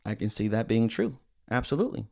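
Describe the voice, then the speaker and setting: A young adult man hosting a solo commentary podcast, animated and sarcastic, slipping into mocking impressions. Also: fairly low pitch, brisk, vocal fry. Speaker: host.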